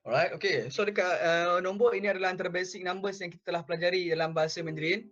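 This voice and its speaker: A young man teaching a relaxed language class, explaining phrase by phrase and repeating words slowly. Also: sits high, dull audio. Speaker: Mandarin language tutor.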